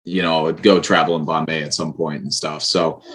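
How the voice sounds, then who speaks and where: A man with a very low voice talks as a guest in a casual interview. He explains his writing earnestly and at length, often restarting his sentences. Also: little pitch movement, normal speed, fairly bright tone, rough recording. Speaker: writer and director, guest.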